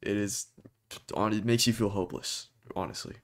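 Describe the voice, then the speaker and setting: Young male vlogger, low-set voice, hesitant and earnest, stumbles and restarts while searching for words. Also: steady tone. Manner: halting and hesitant, many restarts and fillers. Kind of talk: personal talk to camera.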